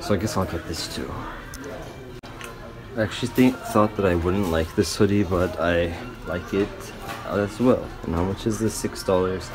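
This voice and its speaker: In poor-quality audio, a young man with a low-pitched voice speaks at a normal speed, vlogging to a camera or phone held at arm's length. He rambles in slang, says "like" often, and films first in a parked car and later in a small store's fitting room.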